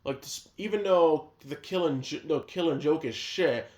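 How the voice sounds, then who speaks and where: A video host with a slightly high, somewhat mellow voice talks at normal speed, casually ranking movies. He's rambling and opinionated and often restarts his sentences. The sound is lo-fi, with an echoey room.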